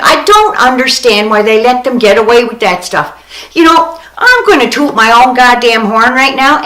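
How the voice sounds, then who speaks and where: A woman's voice: sits high, sharp tone. An older woman telling a story and ranting bluntly to her viewers, swearing freely and scolding. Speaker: vlogger. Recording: echoey room.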